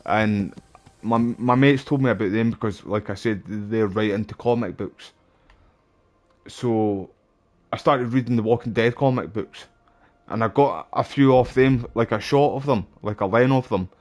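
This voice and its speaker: A man's voice: lowish voice, a little slow, darkish tone. A man with a Glasgow street accent giving casual, rambling gameplay commentary, full of cheeky slang and swearing. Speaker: gaming streamer.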